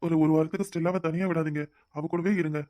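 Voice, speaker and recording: A flustered husband from a cartoon family drama, voiced by a voice actor, rattling off lines at breakneck speed. The sound is bone-dry and close, with no room around it. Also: male voice, on the high side, fairly even intonation, warm tone, no room sound, natural voice. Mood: earnest. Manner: hurried, pleading, scolding in turns. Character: harried husband, eager to please. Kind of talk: cartoon voice acting.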